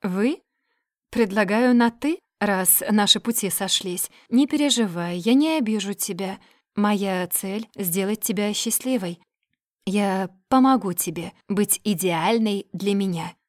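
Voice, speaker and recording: A woman voicing a brash, possessive male werewolf who talks low and hoarse in an audiobook. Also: measured pace, a little mellow, dry recording, studio quality, natural voice. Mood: coaxing.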